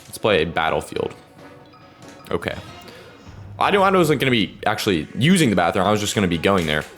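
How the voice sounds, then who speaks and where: A teenage guy tells a long, animated story while he plays a fighting game, and his pitch leaps up and down as he talks. His voice sits slightly low for a man. He keeps breaking off to mutter at opponents, with faint music behind him. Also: fairly quick. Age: teens. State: keeping voice down so his sleeping father won't hear. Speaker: gaming video creator.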